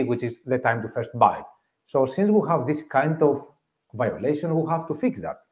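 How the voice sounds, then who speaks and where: This conference speaker from Greece, in his thirties, presents a tech talk in a meeting room before an audience, walking through it step by step and restating key points. His Greek-accented voice is medium in pitch and a little mellow, and the live room sound is roomy and somewhat dull.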